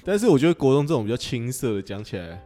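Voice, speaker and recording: Fast, mellow-voiced young Taiwanese-accented man. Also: medium pitch, very animated, in a large hall, faint music behind. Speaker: podcast co-host. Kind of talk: casual chat.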